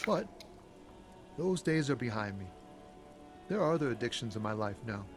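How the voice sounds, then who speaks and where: A mellow, drawling drifter, played by an actor in a video game, easygoing and rambling, a former druggie who calls everyone man. Clear game music and rain run behind him. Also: medium pitch, animated, moderate pace, close to an everyday voice. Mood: laid-back.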